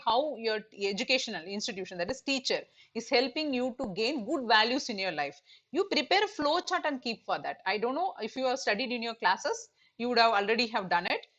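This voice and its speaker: This is a woman, middle-aged, delivering an online coaching lecture for exam students. Her voice sits slightly high. She talks in loose, repetitive phrases, leaning on "okay" and "uh" between points. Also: a bit bright. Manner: repetitive, filler-heavy explaining with "okay" and "uh".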